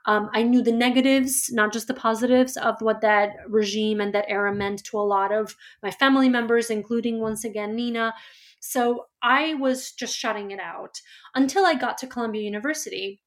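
A woman from Georgia, a first-language Georgian speaker, reflects on her life story as an author being interviewed, often pausing on fillers and restarts. Her voice is a little high with fairly even intonation.

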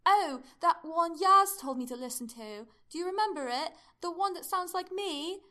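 A woman voicing an affectionate, excitable time-travelling doctor who muses out loud in a chatty way. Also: very high-pitched, normal speed, voice pushed up, full character voice. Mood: musing, excited. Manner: chatty, musing, enthusiastic.

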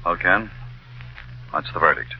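A grave police inspector. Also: male voice, deep voice, lively intonation, a little slow, slight background noise. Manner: firm and grave. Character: steady male police inspector, grave and firm. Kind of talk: 1940s radio acting. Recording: dull old radio recording with music.

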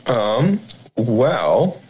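A man's voice: medium pitch, sing-song, very slow, breathy edge, highs cut off. A man chatting casually in a laid-back way as a dating game contestant. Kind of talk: casual chat.

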